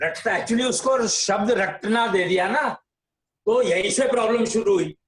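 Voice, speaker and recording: A man's voice: high-pitched, measured pace. A man explaining tradition in a casual discussion, insistent and lecturing. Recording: echoey room.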